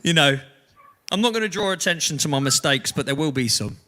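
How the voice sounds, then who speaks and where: A man's voice: a little high, lively intonation, brisk, crowd noise. A man hosting a band's livestream from a home kitchen, chatting casually and laughing at himself often. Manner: self-mocking, laughs often. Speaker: band livestream host and singer. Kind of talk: casual banter.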